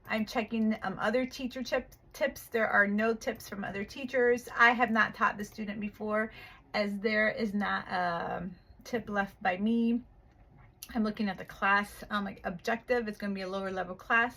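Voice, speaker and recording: At night from her home, a woman who teaches English online speaks calmly to viewers, then switches to slow, exaggerated, cheerful speech while teaching a young child. Her voice is on the high side.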